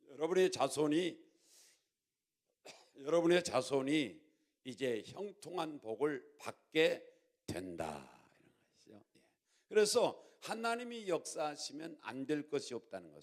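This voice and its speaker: Middle-aged pastor, male, from Jeolla, animated sermon delivery with a rising and falling voice, drives key lines home through repetition. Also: medium pitch. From Jeolla, Korea. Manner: emphatic, repeats key phrases, leads congregation in call-and-response.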